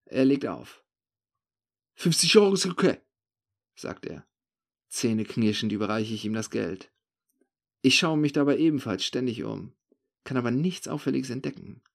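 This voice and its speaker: A man's voice: medium pitch, normal speed, vocal fry. A man narrating a first-person story in a wry, conversational manner.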